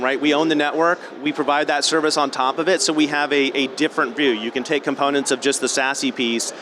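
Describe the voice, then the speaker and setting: A man with a medium-pitched voice gives an informal technical presentation live at a conference venue, with a noisy background. He talks conversationally and often rephrases himself mid-sentence.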